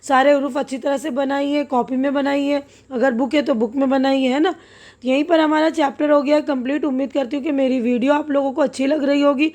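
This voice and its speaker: Woman, high voice, patient teacher, spells words out slowly, checks in often. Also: fairly even intonation, darkish tone. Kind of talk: step-by-step classroom lesson.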